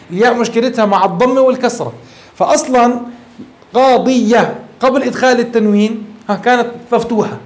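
Male grammar teacher, Levantine accent, high voice, patient classroom explainer. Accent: Levantine Arabic. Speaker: sheikh teaching Arabic grammar.

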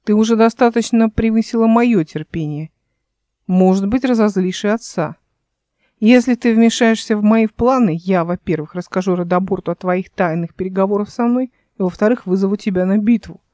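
A woman's voice: medium pitch, normal speed, dark tone, no room sound, natural voice. A woman voicing a cunning, sarcastic immortal man in a fantasy audiobook, in a sly tone.

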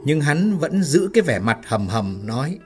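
Man, narrator, story reading, measured, soft background music. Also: on the high side, sing-song.

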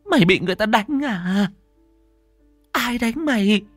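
Brief: man putting on a scolding old grandmother for a ghost story, raised, fretful voice over soft music. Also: sits high, expressive, dry recording, pitched above the performer's own voice. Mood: worried, scolding. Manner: fretful, scolding, rapid questions. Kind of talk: storytelling narration.

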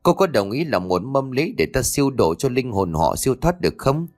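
A man voicing a stern old male Taoist exorcist, who speaks slowly, solemnly and gravely. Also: mid-range voice, very animated, a little mellow, faint music behind, lightly acted.

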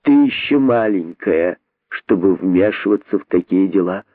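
A male narrator voicing a cheeky, sharp-tongued female monkey mother who talks in a slow, mocking drawl. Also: sits low, expressive, no echo. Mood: stern. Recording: narrow phone-like band.

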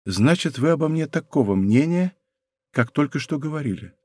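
A man voicing a proud young princess in an audiobook, speaking softly, calmly and deliberately in a dry studio sound. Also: fairly high pitch, slightly rough, no room sound. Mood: quiet, composed. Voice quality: soft, hushed. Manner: calm, deliberate and quietly firm. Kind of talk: audiobook character voice.

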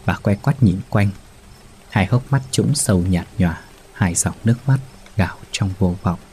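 A man narrating a ghost story in a steady, somber manner. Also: lowish voice, moderate pace, slight background noise.

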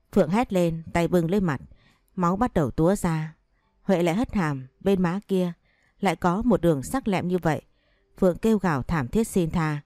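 A woman narrates a dramatic story in a steady, vivid reading. Her voice is low and dark, recorded close with a dry sound. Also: dry recording.

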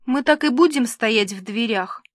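A woman voicing a touchy young pregnant bride who speaks in a soft, cooing, plaintive way in an audiobook. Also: fairly high pitch, normal speed, dry recording, clean studio sound, lightly acted. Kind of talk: audiobook dialogue reading.

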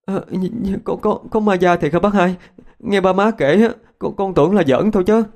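A man's voice: medium pitch, expressive, fast, mellow, voice pushed up, close to an everyday voice. A man voicing a frightened young village kid who stammers and pleads through tears. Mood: terrified. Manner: shaky, stammering, tearful pleading.

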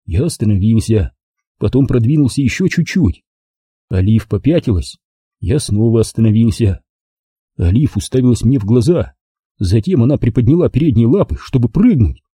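A man reading a children's storybook aloud in the first person, expressive and lively. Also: medium pitch, breathy edge, dry recording, clean studio sound. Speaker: audiobook reader. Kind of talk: storybook narration.

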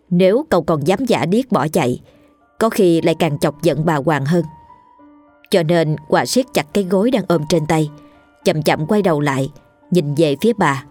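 Woman telling a ghost story, low voice. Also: expressive, normal speed, darkish tone. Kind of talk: scripted ghost story narration. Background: faint music.

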